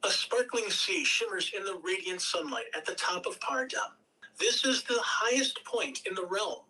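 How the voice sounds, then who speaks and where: On a distant home mic with noise behind it, a script reader at a table read theatrically performs a screenplay's scene directions and narration. This amateur uses a pushed, bright, mid-range voice at a moderate pace.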